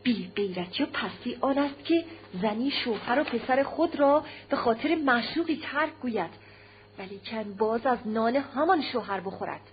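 Woman reader doing a stern aristocratic husband, harsh and commanding, slightly high voice, muffled audio, faint hum. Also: expressive, close to an everyday voice. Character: stern cold aristocratic husband, middle-aged man.

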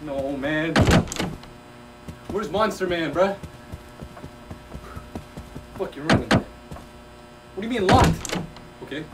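A young man narrates his own VR horror run, switching from slangy trash talk to sudden yelps. His voice sits high and jumps all over the place. The mic picks him up from a distance, over a steady background hum. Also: slow, pauses often. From Mexico. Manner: excitable, swearing, yelps when scared, slangy trash talk. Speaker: gaming streamer. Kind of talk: VR horror gameplay commentary.

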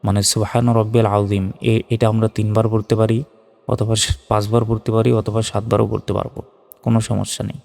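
Gravelly-voiced man teaching prayer pronunciation. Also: lowish voice, flat delivery, a little mellow, long reverb tail. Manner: spells out words letter by letter, slow drawn-out recitation. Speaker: religious teacher. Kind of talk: instructional lesson on prayer pronunciation.

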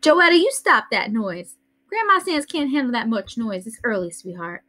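A woman's voice: on the high side, big pitch swings, normal speed, pushed and bright, pitched above the performer's own voice, heavily acted. A woman voicing a stern, fussy old grandmother who scolds children early in the morning. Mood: fussing. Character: fussing older grandmother, Southern and stern.

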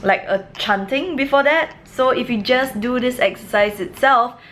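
Tired from her workout, this young adult fitness vlogger talks to camera in a big indoor gym studio. Her voice runs on the high side and a bit bright at a moderate pace, chatty and loose with frequent fillers.

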